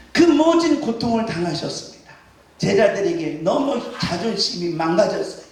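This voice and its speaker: A man, a pastor, preaching an Easter sermon with emphasis, questioning the congregation and shouting exclamations. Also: very high-pitched. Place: church sanctuary. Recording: echoey church hall from far off.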